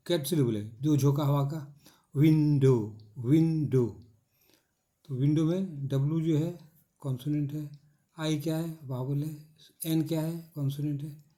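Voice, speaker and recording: A middle-aged man teaching English syllables in a lecture, drilling with repeated questions and answers and stretching out key words slowly. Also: a little high, dark tone. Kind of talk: classroom lecture.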